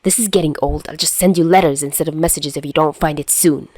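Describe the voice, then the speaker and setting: Woman reading as a mouthy teen boy, insulting and impatient, kinda low and dry. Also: steady tone, fast talker, darkish tone, no room sound. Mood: impatient teasing. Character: mocking, brash teenage boy texting his rival. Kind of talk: podfic reading.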